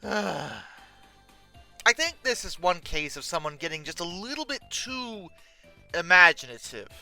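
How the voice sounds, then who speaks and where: A YouTube host riffs humorously and unscripted on pictures, stammering, hesitating and bursting into theatrical exasperation. The voice is medium-pitched, very animated, slow, creaky and sharp, with faint music in the background.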